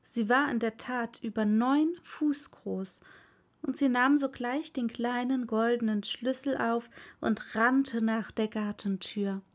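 Soft-spoken woman reading fairy tales. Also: a little high, slow. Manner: soft, partly whispered, gentle. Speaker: fairy tale podcast host and reader. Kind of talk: bedtime storytelling.

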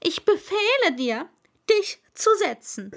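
A woman's voice: very high-pitched, sing-song, slow pace, fairly bright tone, pitched above the performer's own voice, heavily acted. A woman voicing a proud, stern but kindly old king in a storybook reading, with pompous, commanding declarations.

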